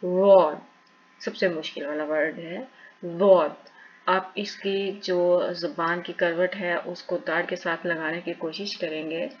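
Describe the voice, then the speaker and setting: Woman teacher, unhurried and low-pitched, drilling letter sounds patiently, slightly dull recording with faint hiss. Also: fairly even intonation. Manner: patient, repeats each letter aloud several times. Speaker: Quran recitation teacher.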